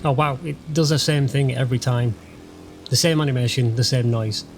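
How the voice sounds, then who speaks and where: A UK gaming channel host gives let's-play voice-over commentary on gameplay, full of sarcasm and dry, mocking humour. His voice is medium in pitch at a normal speed, with a noisy background.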